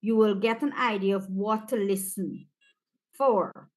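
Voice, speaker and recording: A woman teacher with a Caribbean accent, walking students through an exam paper in a relaxed, chatty way and speaking to them directly. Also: mid-range voice, unhurried. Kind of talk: exam practice walkthrough.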